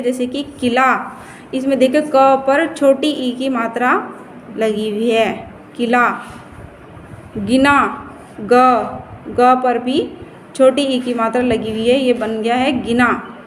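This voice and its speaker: In a classroom, a woman teacher with a steady, high-leaning voice slowly and patiently explains Hindi vowel signs. She repeats and stretches each word while pointing at the board, and the room echoes with faint noise.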